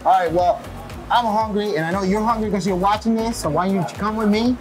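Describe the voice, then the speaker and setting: A man in his forties hosting a restaurant show in a small kitchen, talking in a casual, energetic way. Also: high-pitched, brisk, low-quality recording. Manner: casual and energetic, with short affirmations. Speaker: show host. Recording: background music.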